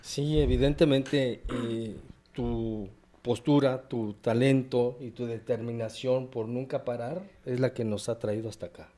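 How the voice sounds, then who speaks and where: Man, guest, mellow dark voice, speaks formally. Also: mid-range voice, steady tone, measured pace.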